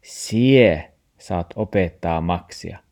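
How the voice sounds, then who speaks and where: A man doing a calm old grandpa with a Meänkieli accent. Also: low voice. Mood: insistent. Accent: Meänkieli (Tornedalen). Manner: steady and patient, insisting gently.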